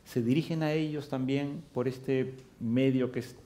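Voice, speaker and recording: A man's voice: mid-range voice, fairly even intonation, a little slow, warm tone. Male moderator, book fair panel, methodical questioner. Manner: long, careful questions built up with examples. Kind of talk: moderating a literary round table.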